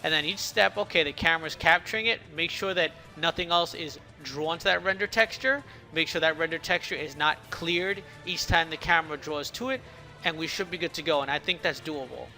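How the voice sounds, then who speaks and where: A man's voice: on the high side, fairly quick, bright, forceful tone, soft background music. A man talking casually through a game devlog, his speech a little slurred by a swollen lip, with occasional stumbles. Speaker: indie game developer narrating a devlog. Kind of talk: casual explanatory devlog talk.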